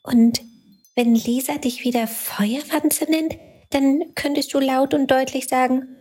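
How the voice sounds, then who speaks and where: A woman voicing a tiny, kind talking light that speaks in a soft, comforting, encouraging way. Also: sits high, steady tone, a little slow, slightly rough, pitched above the performer's own voice. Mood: gentle, caring.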